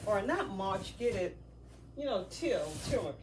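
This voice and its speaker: In a relaxed unboxing vlog shot outdoors near a garden, a stuffy-nosed woman rambles along with many fillers. She's very animated yet speaks slowly, at a medium pitch. The mic sits at a distance, leaving the recording noisy and off-mic.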